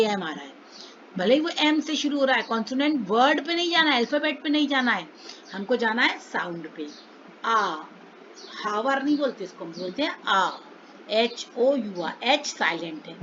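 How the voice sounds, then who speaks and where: A woman's voice: on the high side, lively intonation, moderate pace, fairly bright tone, dull audio, a little hiss or hum. A woman English teacher explaining grammar to children, patiently repeating sounds and asking checking questions.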